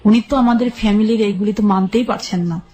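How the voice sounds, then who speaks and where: Speaking as an interview guest, a Bangladeshi-accented woman relates her life story in a voice that is dark and soft around the edges, pitched at a typical female level. Her account unfolds step by step, halting and detailed, with a phrase often said twice.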